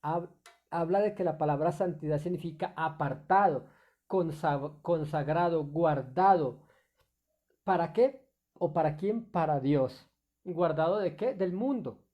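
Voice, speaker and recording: A man's voice: on the high side, unhurried, muffled recording. A male pastor preaching a sermon off the cuff, full of fillers, restarts and rhetorical questions.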